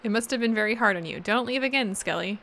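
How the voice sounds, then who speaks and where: A woman voicing a doting old grandmother in a video game, speaking with gentle, tearful tenderness. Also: a little high, quick pace, a little hiss or hum. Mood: tender.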